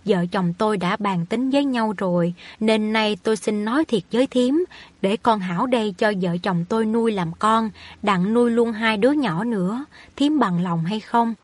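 A woman voicing a kind, wealthy older man in a storybook reading, speaking in a calm, measured way. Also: medium pitch, dry recording, natural voice. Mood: earnest.

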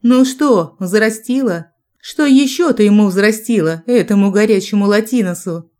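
Woman doing a mocking rich husband, sneering, raised pitch and volume, audiobook. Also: normal speed, dark tone, close to an everyday voice. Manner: sneering, taunting.

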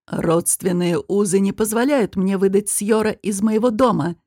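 A woman's voice: mid-range voice, normal speed, warm tone, husky, no echo, studio quality. Woman voicing a proud defensive regent.

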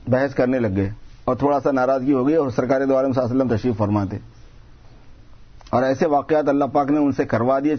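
A man's voice: mid-range voice, husky, dull audio. A man giving a sermon, explaining patiently and repeating phrases for emphasis. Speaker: religious preacher.

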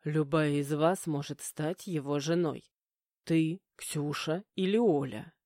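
A woman reading an audiobook, voicing a calm, cold, domineering young man who speaks in curt, commanding lines. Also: deep voice, slow, dry recording, clean studio sound.

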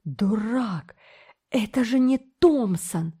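A woman's voice: lowish voice, moderate pace, dark tone, close to an everyday voice. A woman voicing a stern older male gold digger who gives curt commands. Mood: angry.

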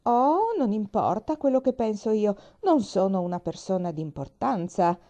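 A woman's voice: mid-range voice, lively intonation, moderate pace, warm tone, lo-fi sound, pitched above the performer's own voice, lightly acted. A woman reading the lines of a coy spinster who feigns modesty.

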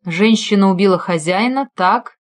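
Woman reading calm bossy guy on the phone, flat and slow, audiobook. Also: medium pitch, lightly acted. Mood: cold command. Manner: level, unhurried, authoritative. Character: calm, commanding man used to giving orders. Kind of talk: audiobook character voice.

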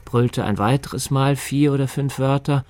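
A man narrating a literary radio drama in a measured, even way. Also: mid-range voice.

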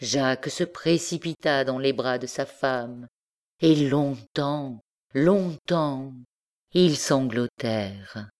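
A woman reading literary fiction aloud as an audiobook narrator, measured and with dramatic pauses. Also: extremely low pitch, a little mellow. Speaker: audiobook reader.

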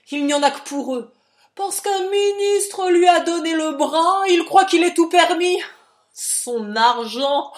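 A woman reading an audiobook, voicing a wrathful, blustering old financier father who shouts and sputters. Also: sits high, roomy sound, voice pushed up. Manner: bellowing, sputtering with rage.

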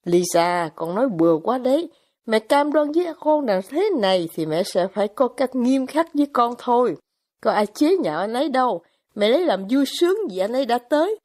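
A woman's voice: fairly high pitch, a little mellow. A woman playing a hysterical, gushing society mother. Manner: gushing, melodramatic exclamations. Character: fretful, hysterical aristocratic mother, middle-aged. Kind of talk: audiobook character voice.

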